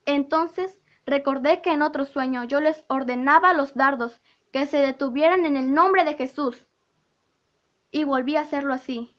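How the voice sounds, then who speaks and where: A woman with a high voice recounts a spiritual vision as an earnest testimony. She keeps quoting the dialogue word for word. The recording sounds dull and lo-fi. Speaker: church member giving a testimony.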